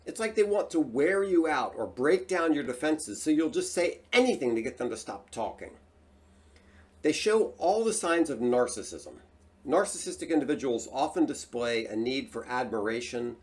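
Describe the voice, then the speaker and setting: A man hosting a solo talk, speaking in an animated, emphatic way. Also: fairly high pitch. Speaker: host.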